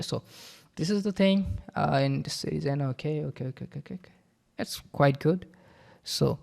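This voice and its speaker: A man giving a casual screen-recording tutorial, halting with many fillers and repeated okays. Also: mid-range voice, vocal fry, a little mellow. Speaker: software reviewer.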